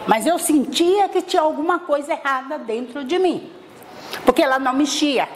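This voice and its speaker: With a high voice at a moderate pace, a middle-aged mother from Salvador, Bahia, Brazil, shares her life story as an interviewee. She's talkative, often restarting and adding tag questions, and the recording carries a little hiss or hum.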